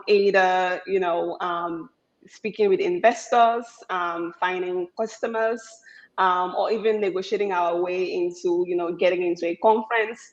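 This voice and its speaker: A young woman from Cameroon, answering on a panel as a startup founder in a measured way with many pauses. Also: fairly low pitch. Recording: dull lo-fi audio.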